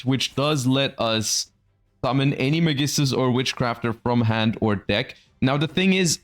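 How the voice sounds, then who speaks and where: A man hosting and commentating a live card game tournament in a conversational, explanatory announcer manner. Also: mid-range voice.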